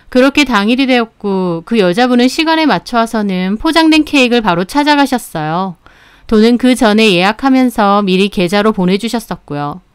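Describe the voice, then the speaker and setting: A woman who owns a cake shop, calmly narrating a scripted story about her own experience in a steady way. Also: fairly high pitch, smooth, no room sound. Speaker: bakery owner telling her story.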